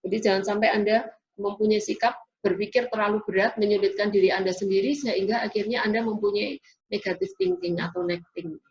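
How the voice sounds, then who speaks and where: A woman's voice: medium pitch, fast talker. A woman giving a classroom lecture in an explanatory way, often tagging sentences with a questioning "ya". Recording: dull lo-fi recording.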